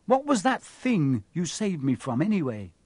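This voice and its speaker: A man's voice: on the high side, wildly swooping pitch, normal speed, a little mellow, husky, dry recording, voice pushed up, heavily acted. A man voicing a young schoolboy wizard, shaken and curious, asking questions in an earnest way.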